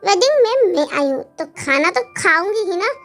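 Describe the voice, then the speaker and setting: A woman voicing a proud, sharp-tongued young wife in a fan-dubbed drama. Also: very high voice, very animated, normal speed, faint music behind, heavily acted. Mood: sassy. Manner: sassy, boastful. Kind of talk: Hindi fan dub acting.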